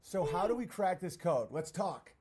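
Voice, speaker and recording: A male streamer with a slightly high-pitched voice. He talks casually to his viewers, stopping and starting as he rambles. His language is profane and often turned against himself. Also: lively intonation, normal speed, darkish tone. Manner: profane, self-deprecating. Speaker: live streamer. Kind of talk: casual livestream rant, answering chat comments.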